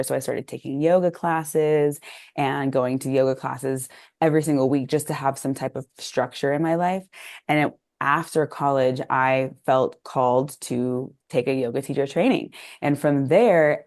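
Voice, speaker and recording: A woman's voice: very deep voice, darkish tone. A woman from Texas, a podcast guest and business coach, telling her life story in a chatty, reflective way. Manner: chatty, reflective, uses "like" often. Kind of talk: casual interview storytelling.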